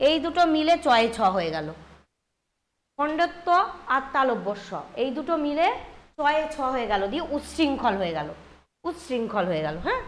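Female teacher, bright high voice, steady step-by-step explainer. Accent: Bengali. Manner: explains step by step, often asks "ঠিক আছে?". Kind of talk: grammar lesson.

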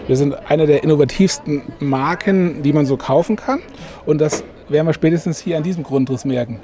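A middle-aged sales manager, recorded close inside a camper van at a trade fair, leads an interviewer through the vehicle in a filler-heavy pitch full of "ähm." He talks fairly quickly over a noisy background.

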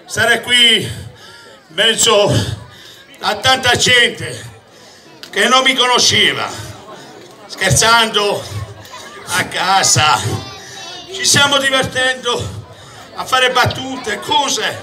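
Guy, really high voice, slow emotional speech on stage, far from the mic with crowd noise. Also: lively intonation, pushed and bright. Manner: halting, emotional, declamatory. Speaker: amateur stage performer. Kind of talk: heartfelt speech to an audience. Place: outdoor festival stage at night. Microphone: handheld PA microphone, recorded from the audience. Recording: distant phone, PA, music and crowd.

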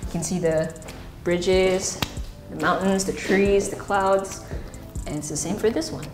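With a steady tone and a mid-range voice, an unhurried Filipino-accented woman guides viewers around a property on foot, chatting casually through empty indoor rooms and a stairwell. She speaks without a script and drops into Tagalog here and there. Her wireless body mic's pack sits at her waist, and the bare rooms give an echo over music playing underneath.

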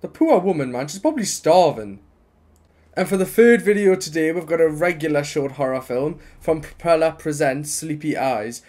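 A man's voice: a little high, animated, moderate pace, a little mellow. A young man giving casual, incredulous, exclaiming reaction commentary on horror videos over a headset mic. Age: young adult.

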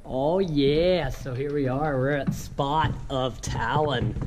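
A man's voice: slow, music in the background. A young man talking casually to the camera like a vlogger, with an upbeat, enthusiastic, slangy manner. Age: young adult. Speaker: vlogger and skateboarder. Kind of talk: casual vlog talk to camera. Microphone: camera at arm's length. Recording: noisy action-camera sound, background rumble.

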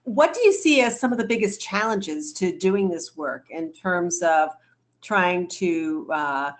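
A woman's voice: lowish voice, animated, a little hiss or hum. Polite woman moderating a webinar. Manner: polite, measured questioning.

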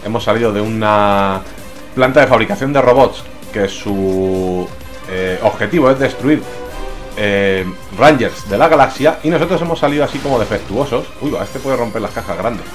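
A man's voice: lowish voice, moderate pace. A man with a Spain accent giving casual, slangy, exclamatory let's play commentary. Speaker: gamer, let's play host. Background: game music.

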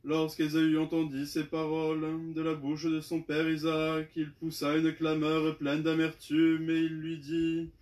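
Slow, monotone male lector. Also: fairly high pitch. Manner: flat, unvaried, measured delivery. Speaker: lector at vespers. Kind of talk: liturgical scripture reading.

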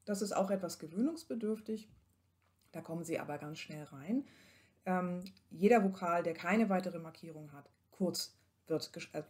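A woman lecturer giving a recorded lesson, reading verse with careful expression and then explaining calmly with some pauses. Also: on the low side. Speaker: university lecturer.

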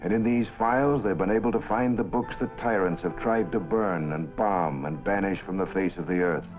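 A man narrating an old newsreel in a formal, measured announcer delivery, with the sound of an old film soundtrack. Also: low voice. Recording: tinny lo-fi 1940s film soundtrack with music.

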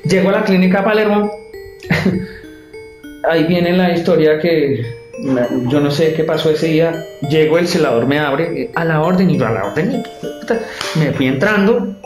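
Animated man telling a story. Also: sits high, echoey room. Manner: animated, acts out the voices of others. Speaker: theater director. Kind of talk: storytelling interview.

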